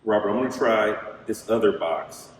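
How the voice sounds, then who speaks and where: A man's voice: fairly low pitch, normal speed. A man hosting a paranormal investigation, asking unscripted questions aloud to spirits and repeating them patiently. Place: large indoor theatre lobby. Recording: very echoey hall, distant mic, noisy.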